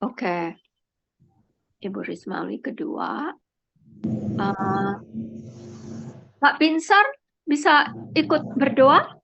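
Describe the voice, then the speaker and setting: A woman leading an online prayer meeting on a video call, calling on each person gently by name. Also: a little high, very animated, very slow, vocal fry, long pauses, highs cut off, background noise.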